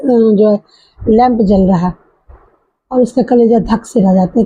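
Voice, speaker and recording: Woman storyteller, higher voice with a breathy edge, informal retelling full of fillers, dull lo-fi sound. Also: dark tone. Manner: conversational, with frequent fillers and restarts. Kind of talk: casual spoken retelling of a story. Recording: dull lo-fi recording.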